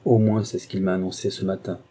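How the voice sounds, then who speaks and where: A man's voice: low-pitched, little pitch movement, fast, dark tone, slightly rough. A man reading an audiobook voices a scheming, cold-headed woman with a cool, cutting, sarcastic manner.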